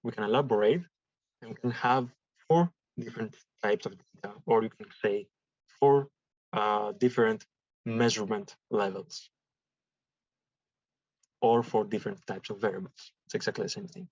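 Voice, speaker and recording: A man's voice: fairly low pitch, a little mellow, breathy edge, dry recording. A man from Greece, giving a classroom statistics lecture and explaining step by step with examples. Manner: explains slowly with examples and repetition. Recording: dull dry lecture recording.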